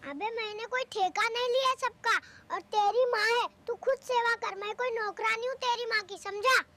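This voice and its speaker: A woman voicing a sharp-tongued, scheming young wife in a cartoon family drama, talking in a brash, quarrelsome way. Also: very high voice, normal speed. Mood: defiant.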